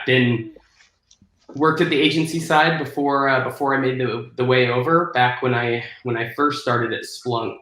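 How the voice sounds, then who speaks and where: A man's voice: medium pitch, bright, forceful tone. A man guest talking in an easygoing way about his work and laughing along, over a video call. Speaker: guest, event marketing staff. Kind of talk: casual chat. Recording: roomy echo.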